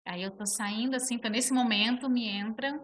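A woman's voice: fairly high pitch, brisk, fairly bright tone. A woman with a Brazilian Portuguese accent, a musical theatre actress telling her story expressively in an interview.

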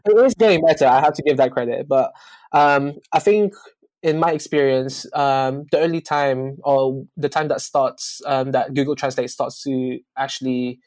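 A man chatting casually about learning languages, often stopping to restart his sentences. His voice sits at an ordinary middle pitch. The recording is dry and close, with no room sound. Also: fairly even intonation, a little slow, darkish tone, no room sound. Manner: hesitant, many ums and restarts. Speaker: guest on a language-learning discussion. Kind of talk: casual chat.

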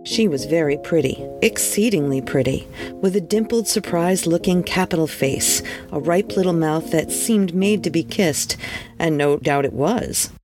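A podcast host reading a classic holiday story aloud, measured and expressive with wry asides. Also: mid-range voice, soft background music. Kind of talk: storybook narration.

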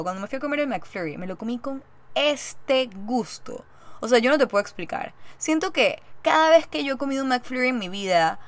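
A young woman hosting a podcast, telling a story in a chatty, animated way and acting out the lines she quotes. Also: mid-range voice. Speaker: podcast host. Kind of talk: casual storytelling monologue.

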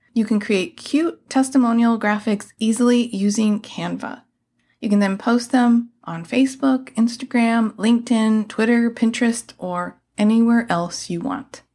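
A woman's voice: fairly high pitch, unhurried, a little mellow. Upbeat, tidy female podcast advice host. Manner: upbeat, tidy advice-vlogger delivery with playful casual asides. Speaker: podcast host and mentor for virtual assistants. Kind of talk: scripted solo podcast advice.

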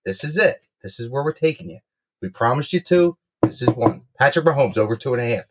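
A man co-hosting a sports betting show, pitching picks in brash, slangy, sweary bro talk. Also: lively intonation, a little fast, noisy background.

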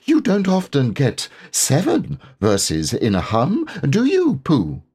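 A man voicing a very small, bashful male piglet from a storybook, hesitant and stammering in an eager, small husky voice. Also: mid-range voice, huge pitch swings, slow pace, darkish tone, voice pushed up, heavily acted. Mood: excited, shy. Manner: hesitant, stammering with repeated words.

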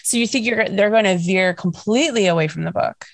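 A young woman with a hoarse, scratchy, nasal voice, hosting a casual fan chat podcast with lots of fillers. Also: mid-range voice, brisk. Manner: chatty, filler-heavy, excitable. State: hoarse, lost voice. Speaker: podcast host.

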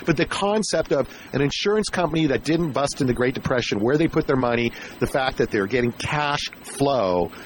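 A man hosting a casual radio interview, rambling haltingly and repeating words as he shapes his questions. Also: medium pitch, lively intonation, a little hiss or hum, low-quality recording. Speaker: radio show host interviewing a guest.

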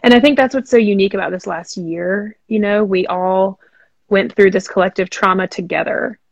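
A woman's voice: medium pitch, steady tone, normal speed, no echo. A woman hosting a podcast, asking questions and affirming her guest in casual conversation. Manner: encouraging, affirming listener. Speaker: podcast host. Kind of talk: casual interview chat.

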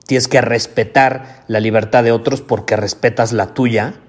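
A man hosting a podcast, delivering a motivational monologue at a mid-range pitch. He speaks emphatically, drives points home by repeating phrases and drops casual swear words. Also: steady tone, a little slow. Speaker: podcast host.

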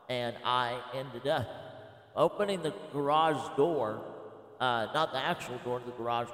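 A man in his thirties giving a casual, rambling spoken presentation with many filler pauses. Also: mid-range voice, fairly bright tone. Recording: echoey room with long reverb.

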